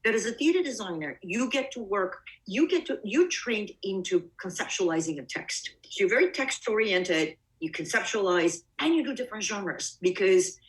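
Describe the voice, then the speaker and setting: A woman's voice: mid-range voice, expressive, normal speed, hardly any pauses, poor audio. A woman from Bulgaria, a production designer, speaks as an interview guest in a reflective way, often restarting her sentences. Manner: reflective, talks in restarts and asides. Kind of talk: casual interview conversation.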